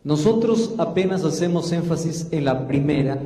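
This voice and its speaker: A male pastor delivering a sermon, slowing down to stress key phrases. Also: fairly high pitch, expressive, mellow. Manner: slow emphatic preaching, leans on key phrases. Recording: echoey hall, reverberant.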